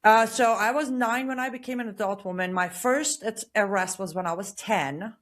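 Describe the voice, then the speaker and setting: A woman from Iran, a guest author, giving measured, earnest answers in an interview. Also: medium pitch. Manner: measured, earnest personal account.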